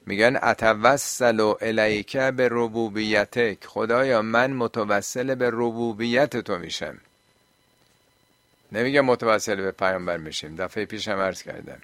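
A man's voice: mid-range voice, a bit bright, dry recording. A man teaching and answering listeners' questions on religion, explaining at length and often asking rhetorical questions.

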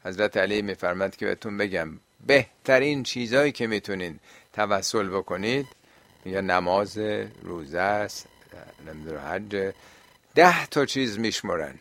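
Speaking with lively intonation and a slightly bright, fairly low voice, a man addresses religious questions in a Q&A session and frequently throws rhetorical questions at listeners. It's miked closely, dry, with no room sound at all.

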